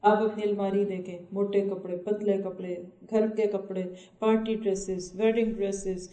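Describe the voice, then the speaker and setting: A woman's voice: mid-range voice, little pitch movement, moderate pace, mellow, reverberant. A woman giving an earnest Quran commentary lecture, often asking her listeners questions. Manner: earnest, asks the audience questions. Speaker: Quran teacher.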